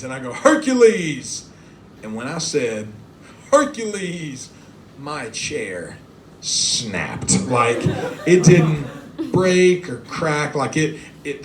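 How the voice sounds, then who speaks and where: A man's voice: fairly high pitch, a little hiss or hum. A young man doing a self-deprecating stand-up set on a small club stage, acting out voices. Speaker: stand-up comedian. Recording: distant mic, loud crowd laughter.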